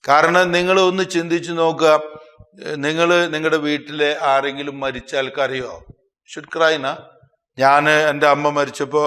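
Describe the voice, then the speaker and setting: A male priest with a Malayali accent preaches a sermon in a hall with long reverb. His delivery is expressive, swinging suddenly in pitch and loudness, and he slows down sharply to stress certain phrases.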